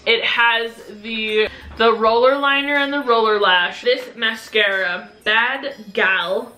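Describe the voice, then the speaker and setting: Young woman doing a beauty haul, bright voice, bit high, echoey room, lots of um and like. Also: takes it slowly. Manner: chatty, many fillers like "um" and "like". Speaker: beauty vlogger. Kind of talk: casual product haul review. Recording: echoey room with faint noise.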